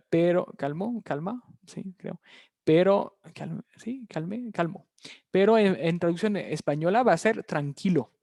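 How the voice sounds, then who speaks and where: A French teacher giving an online lesson, explaining step by step, repeating key words slowly for pronunciation and checking in with the class after each point. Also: medium pitch, darkish tone, dry recording, clean studio sound.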